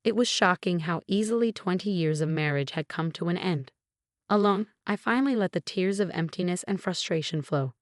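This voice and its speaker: A woman narrating a first-person story in a calm, even, scripted way. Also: lowish voice, normal speed, dry recording, clean studio sound.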